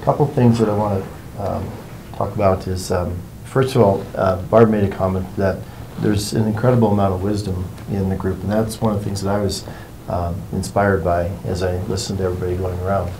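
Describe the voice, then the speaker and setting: A man leading a workshop, explaining things to a group in an informal, meandering and unhurried way. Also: low-pitched, fairly even intonation, warm tone, a little hiss or hum, poor audio. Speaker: workshop facilitator.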